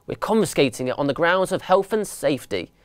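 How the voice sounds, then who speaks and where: A man voicing rough, dim-witted mouse henchmen with a gruff, eager manner. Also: on the high side, expressive, a little fast, no echo, clean studio sound, lightly acted.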